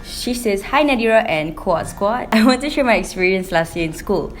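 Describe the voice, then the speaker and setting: A woman's voice: medium pitch, animated, normal speed, faint music behind. Young Malaysian woman chatting and reading comments. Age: young adult. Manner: mixes English and Malay. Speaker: online show co-host. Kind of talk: casual chat and reading out viewer comments.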